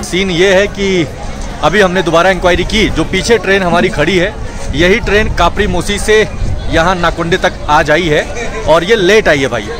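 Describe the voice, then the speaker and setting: A young Indian man speaks at normal speed in a high voice, chatting with viewers he calls brother. He's vlogging outdoors at a busy railway station with the camera held at arm's length, and crowd noise and music can be heard behind him.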